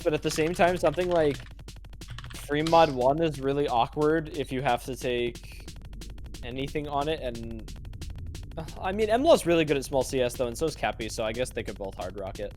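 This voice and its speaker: A man's voice: fairly high pitch, lively intonation, moderate pace, a little mellow, faint music behind. A young man with a Massachusetts accent giving casual, laughing esports commentary, full of fillers. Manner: chatty, laughs easily, hedges with fillers. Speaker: tournament commentator.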